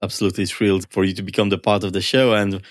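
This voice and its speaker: Low-voiced, enthusiastic curious man hosting science podcast. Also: flat delivery, racing, no echo, clean studio sound. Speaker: podcast host. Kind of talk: podcast hosting, conversational explaining.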